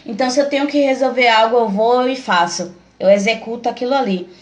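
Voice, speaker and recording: A woman's voice: on the high side, a little fast. A woman giving a conversational devotional talk on a live stream, with frequent fillers and restarts, acting out quoted speech. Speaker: preacher.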